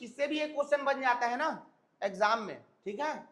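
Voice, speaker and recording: A hoarse man teaching a grammar lesson to a class, often stopping to check whether students have understood. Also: very high voice, lively intonation, normal speed, a bit bright. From India. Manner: repeats check-in questions to students.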